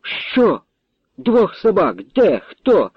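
Imperious aristocratic count, raised and sharp-toned, barking orders, as a male storyteller puts him on. Dull, dry radio sound. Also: a little high, big pitch swings, normal speed, dry recording, pitched above the performer's own voice. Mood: furious. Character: arrogant cruel aristocratic count, man.

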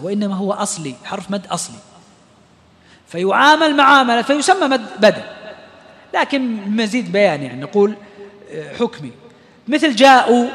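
A man's voice: sits high, a bit bright, long reverb tail. A man teaching a class on Quran recitation rules, explaining step by step and quizzing his students. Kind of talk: classroom lesson on tajweed.

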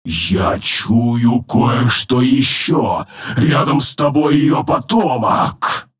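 A man voicing an arrogant, cruel male demon lord in an audiobook, his rough, rumbling voice thickened with a layered demonic effect. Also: lively intonation, exaggerated voice. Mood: commanding. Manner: slow, menacing, commanding. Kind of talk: audiobook narration with voiced characters.

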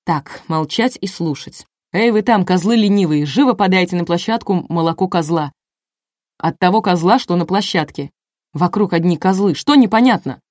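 Woman voicing a furious shouting male TV director. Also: fairly low pitch, moderate pace, dry recording, studio quality, close to an everyday voice. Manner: yelling orders, cursing.

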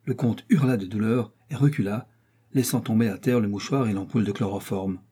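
A man reading a classic adventure novel aloud as an audiobook, in a measured, theatrical storytelling manner. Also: lowish voice, dark tone, slightly rough. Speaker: audiobook narrator.

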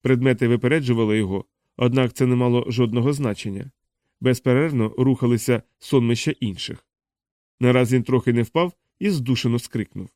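Mellow male audiobook narrator. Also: mid-range voice, brisk, no room sound, studio quality. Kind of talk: scripted narration.

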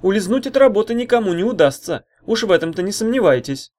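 Slick showy con man working a crowd, as a male reader puts him on; loud, high, swooping pitch. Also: sing-song, quick pace. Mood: persuasive. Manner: loud, rising, theatrical pitch. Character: slick wheedling male swindler, showy persuader.

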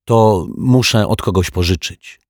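A man's voice: lowish voice, a little slow, darkish tone, no room sound, clean studio sound, voice pushed up, close to an everyday voice. A man voicing a quarrelsome, bumbling detective who argues with himself, in a children's audiobook. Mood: wry. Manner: argues with himself, puzzled, wry. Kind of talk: audiobook character voice.

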